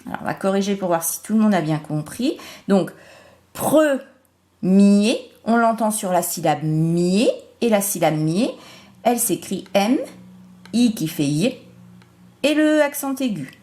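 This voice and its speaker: A woman teacher giving a remote phonics lesson to young children, slowly spelling out syllables and sounds. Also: medium pitch, expressive, warm tone. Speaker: primary school teacher.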